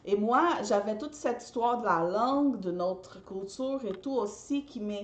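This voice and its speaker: A woman's voice: mid-range voice, a little slow. Chatty woman in an echoey room. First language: not French. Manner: chatty, repeats herself, addresses viewers directly. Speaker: party decorator and business coach. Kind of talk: casual advice talk to viewers.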